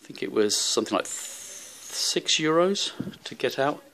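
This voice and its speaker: A sharp-toned, mid-range male voice with lively intonation narrates at a moderate pace on a low-quality recording. The travel vlogger walks a handheld camera through hotel rooms and along a seaside street, touring a seaside hotel in a rambling way with many fillers and restarts.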